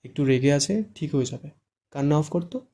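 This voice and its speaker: A man's voice: on the high side, a little fast, dark tone, lightly acted. A man voicing a teasing young woman friend. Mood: comforting. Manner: teasing, chatty.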